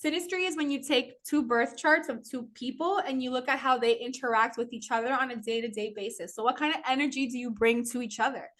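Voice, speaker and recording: Gal teaching a class, kinda high voice, super chatty, lots of "like" and "um", laughs a bunch. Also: female voice, brisk, hardly any pauses, fairly bright tone. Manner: chatty, peppered with "like" and "um", laughs often. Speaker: astrology teacher. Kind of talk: casual recorded class.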